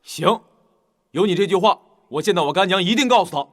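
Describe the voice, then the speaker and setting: A man's voice: high voice, lively intonation, a little fast. An actor playing a glib adviser who lectures the king on love, preachy and cocky. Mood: lecturing. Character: glib male adviser, fancies himself a love expert.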